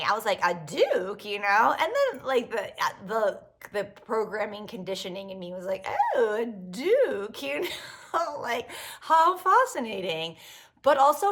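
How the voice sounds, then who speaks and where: A woman hosting a podcast tells stories in a loose, casual monologue. Her voice is bright and swoops through a wide range of pitch. She swears freely and mocks herself with humor. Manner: animated, profane, self-mocking humor. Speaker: podcast host.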